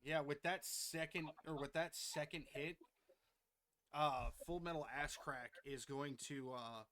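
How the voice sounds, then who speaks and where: A young man narrating as game master, excitable and loud at big rolls. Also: fairly high pitch, measured pace.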